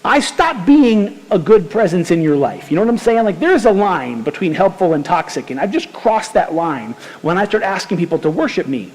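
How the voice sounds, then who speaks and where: A man preaching a sermon as pastor, lively and conversational with casual slang. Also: high voice, normal speed, hardly any pauses, long reverb tail, rough recording. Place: church sanctuary.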